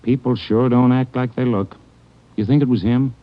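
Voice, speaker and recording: An actor playing a folksy, defensive small-hotel manager in an old radio crime drama, nervous and hesitant. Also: male voice, mid-range voice, fairly even intonation, normal speed, lightly acted. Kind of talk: old-time radio acting. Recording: muffled old radio broadcast.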